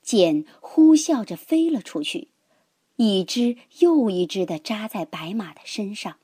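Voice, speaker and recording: A woman narrating a children's story in a gentle, expressive, dramatic way. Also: medium pitch, measured pace, breathy edge, no room sound, clean studio sound.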